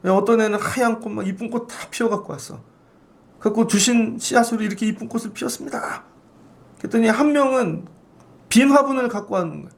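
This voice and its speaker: A middle-aged man preaching a storytelling sermon at an early-morning church service, acting out the quotes with sudden loud emphasis. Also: sits high, gravelly. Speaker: pastor. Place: church sanctuary.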